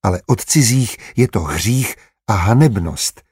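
A man's voice: fairly low pitch, animated, darkish tone, breathy edge, no room sound, clean studio sound. Motherly sister, read by a man. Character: caring, motherly adult sister, calm and firm.

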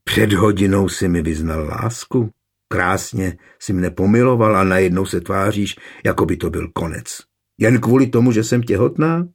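A man with a gravelly, husky voice voicing a proud, sharp-tongued pregnant young noblewoman in an audiobook. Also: deep voice. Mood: angry, scornful. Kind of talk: audiobook character reading.

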